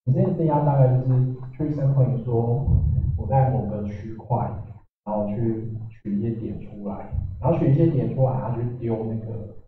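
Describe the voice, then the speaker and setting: A man giving a technical talk at a meetup, halting, with many fillers and restarts. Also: mid-range voice, a little hiss or hum. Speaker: meetup speaker. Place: meetup room. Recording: echoey room, far from mic, tinny.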